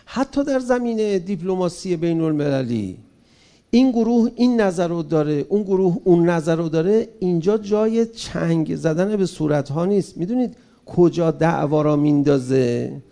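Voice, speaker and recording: A man speaking to an audience in a fervent, rhetorical manner, often turning to his listeners with direct questions. His voice sits high, with a gravelly, creaky grain. The tone is dark and mellow rather than bright. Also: expressive. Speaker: public speaker. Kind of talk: impassioned public speech to an audience.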